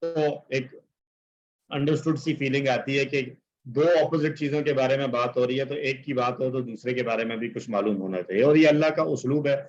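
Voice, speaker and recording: A man's voice: medium pitch, steady tone, darkish tone, muffled recording. A male teacher giving an explanatory lecture, reciting Arabic verses and translating them, with many filler phrases.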